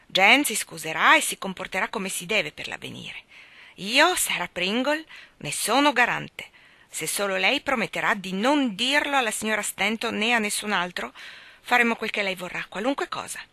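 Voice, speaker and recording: A woman's voice: medium pitch, animated, moderate pace, gravelly, pushed and bright, no echo, exaggerated voice. A woman voicing a small, wrinkled, proud old spinster in an audiobook, speaking with stiff, bitter formality.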